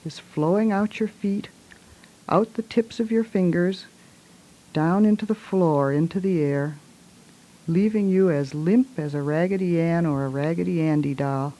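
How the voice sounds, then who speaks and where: A woman leads a guided relaxation in a soft, hushed voice, giving gentle, soothing instructions in short phrases. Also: fairly low pitch, unhurried, poor audio.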